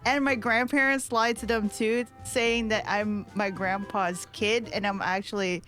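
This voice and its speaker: A woman's voice: mid-range voice, little pitch movement, a little slow, fairly bright tone, faint music behind. A woman telling friends a personal story, loose and full of fillers, laughing along. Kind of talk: casual group chat.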